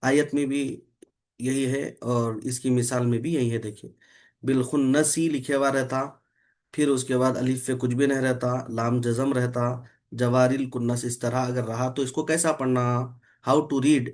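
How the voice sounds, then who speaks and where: A man's voice: medium pitch, flat delivery, a little slow, darkish tone. A man teaching Quran recitation rules in an online lesson, patiently explaining step by step and quizzing his student.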